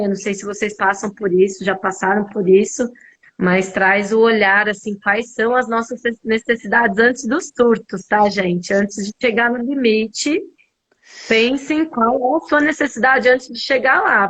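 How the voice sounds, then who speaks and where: A woman's voice: on the high side, fairly bright tone, poor audio. A woman with a Brazilian Portuguese accent telling a personal story in a casual conversation, peppering her talk with little fillers. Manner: chatty, full of fillers like "né" and "cara". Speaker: speaker in a conversation circle.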